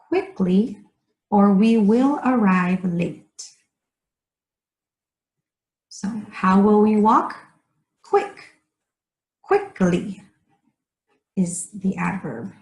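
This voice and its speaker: Woman, ESL teacher, very slow careful delivery, repeats key words, roomy echo. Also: medium pitch, darkish tone. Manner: speaks slowly and deliberately, repeating key words. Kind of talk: slow, clearly enunciated grammar lesson.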